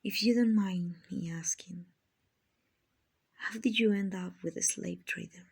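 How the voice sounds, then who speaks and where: A woman voicing a kindly, genteel female vampire in a soft, soothing, half-whispered ASMR roleplay, with a breathy, husky voice. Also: medium pitch. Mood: gentle, hospitable. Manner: slow, soothing, genteel, endearing. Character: gentle, kindly female vampire, soothing rich slave-buyer.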